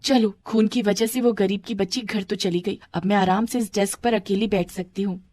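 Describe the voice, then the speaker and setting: Brief: woman doing a spoiled rich schoolgirl bully, scornful and mocking, a little higher than usual, dry close sound. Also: fairly even intonation, moderate pace, darkish tone, dry recording, natural voice. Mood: smug.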